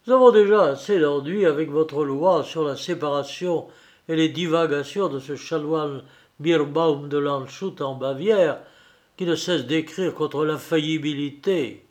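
Storybook cardinal, old, sly and fretful, played by a man; fussy exclamations, a bit louder than the reader. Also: a little high, measured pace, close to an everyday voice.

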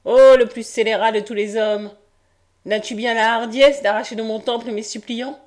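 A woman's voice: fairly high pitch, fairly even intonation, normal speed, a little mellow, lightly acted. A woman reading the part of a stern male god scolding a man from his sanctuary in a historical audiobook. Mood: reproachful.

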